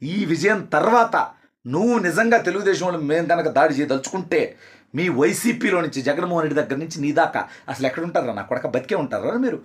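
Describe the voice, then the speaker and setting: A man delivering an angry political rant, hurling insults and rapid-fire accusations. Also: on the high side, lively intonation. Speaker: political party supporter.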